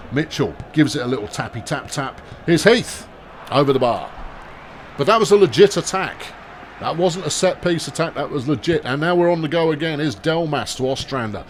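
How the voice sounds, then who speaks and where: A man gives dry, sarcastic commentary on a football management game. His voice has a gravelly edge and swings widely in pitch. A faint noise sits in the background. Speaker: gaming commentator. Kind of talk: casual gameplay commentary.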